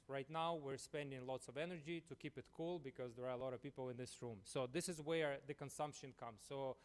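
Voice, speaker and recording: A man's voice: on the high side, smooth. Ukrainian-accented man presenting at a conference. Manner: chatty, leans on "you know" and "uh". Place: conference room.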